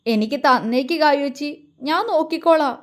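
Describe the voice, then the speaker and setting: A woman voicing a grieving young wife who speaks softly and emotionally in an audio drama. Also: high-pitched, moderate pace, close to an everyday voice. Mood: tender, tearful. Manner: soft, emotional, pleading.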